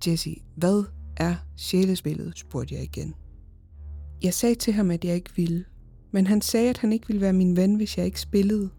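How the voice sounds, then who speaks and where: A woman narrating a horror story in the first person, in a slow, hushed and often whispered voice. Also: medium pitch, soft background music.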